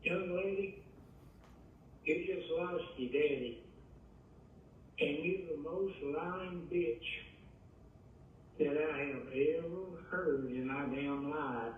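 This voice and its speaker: A man's voice: a little high, slow, long pauses, distant mic, a little hiss or hum. A man leaving an angry, insulting voicemail full of curses, heard as it plays back from a phone. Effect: voicemail played back from a phone. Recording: tinny phone voicemail played aloud in an echoey room, off-mic.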